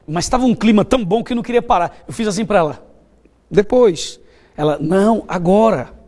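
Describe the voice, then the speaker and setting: A man's voice: sits high, expressive, racing, darkish tone. A man with a Brazilian Portuguese accent, preaching a televised sermon as a pastor, telling stories in a conversational way and asking his listeners questions.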